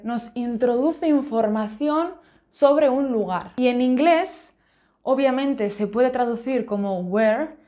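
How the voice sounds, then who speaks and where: A woman's voice: sits high, dark tone. A woman with a Spanish accent teaching a language lesson, explaining carefully and switching between two languages. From Spain.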